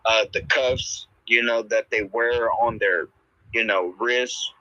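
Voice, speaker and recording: A man's voice: mid-range voice, fairly even intonation, slow, sharp tone, dry recording, dull audio. A man in a casual online audio chat, telling a story in a rambling way with lots of filler words. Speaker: speaker in a live audio chat.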